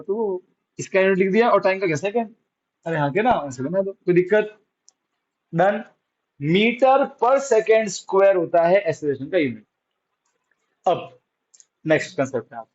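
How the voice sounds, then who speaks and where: High-voiced male teacher coaxing his class. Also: muffled recording. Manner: coaxing, asks the class questions and answers them himself. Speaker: science teacher. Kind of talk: classroom physics lesson.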